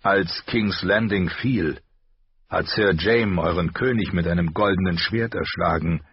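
A man voicing a scornful knight, sharp and raised. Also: low-pitched, unhurried, breathy edge, muffled recording, exaggerated voice. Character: scornful young male knight.

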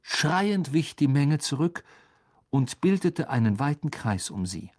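A man narrating a children's fantasy novel in a measured, expressive reading voice. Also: on the high side. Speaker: audiobook narrator. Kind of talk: storybook narration.

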